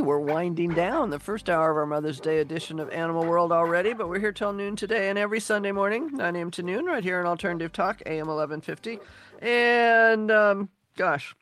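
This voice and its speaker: A woman hosting a radio talk show, chatting warmly with lots of fillers and gushing words. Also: on the low side, dry recording. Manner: chatty and gushing, many fillers like gosh and golly. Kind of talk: casual radio chat. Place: radio studio. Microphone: studio microphone.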